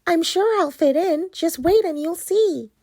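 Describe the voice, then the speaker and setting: A woman voicing a cheerful, friendly boy pumpkin in a children's storybook, with a bright and eager manner. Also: very high voice, measured pace, voice pushed up.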